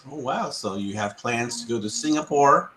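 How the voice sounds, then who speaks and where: A man's voice: mid-range voice, animated, moderate pace, a bit bright, slight background noise. A man from the United States, tutoring English in casual conversation practice. He repeats the student's answers back patiently and chuckles often.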